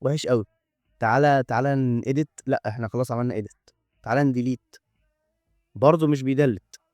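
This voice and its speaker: A man's voice: mid-range voice, fast talker, a little mellow, dry recording. Egyptian man thinking aloud over a demo. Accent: Egyptian Arabic. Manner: chatty, thinking aloud, joking asides. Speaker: tech YouTuber. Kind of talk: casual screen-recorded coding demo.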